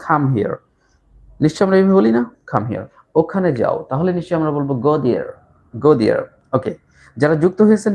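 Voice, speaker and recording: A man's voice: on the high side, gravelly, darkish tone. Man drilling English phrases. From Bangladesh. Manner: slow, repetitive drilling of phrases with pauses. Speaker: English tutor. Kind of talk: live online English lesson.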